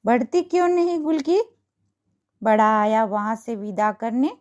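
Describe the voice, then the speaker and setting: A woman voicing a fierce, bold woman who gives sharp, commanding orders in a told story. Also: on the high side, lively intonation, unhurried. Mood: angry commanding. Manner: commanding, scolding.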